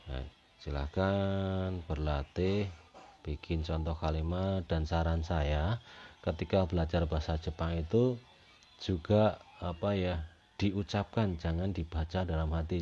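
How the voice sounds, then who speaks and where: A man's voice: low-pitched, steady tone, unhurried, mellow. A man teaching a recorded language lesson, explaining patiently and repeating each point with casual fillers. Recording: slightly dull audio with faint noise.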